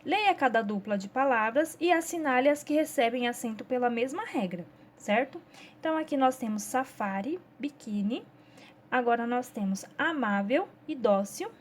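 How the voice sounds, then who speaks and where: A woman's voice: on the high side, lively intonation, normal speed, a little hiss or hum. A woman teacher with a Brazilian Portuguese accent, patiently going through a children's workbook step by step and checking in often with her class.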